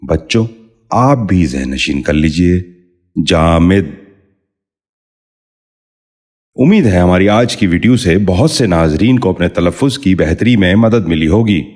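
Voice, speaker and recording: A middle-aged man with a very low, deep voice reads a scripted pronunciation lesson. He speaks in a formal, measured way and repeats each word slowly and carefully. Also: expressive, a little mellow. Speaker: Urdu pronunciation teacher.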